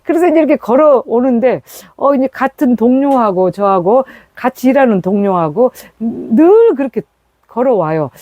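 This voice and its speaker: A woman's voice: fairly high pitch, lively intonation, moderate pace, no room sound, muffled recording. A woman preaching a sermon through a personal story, acting out the scenes as she tells them.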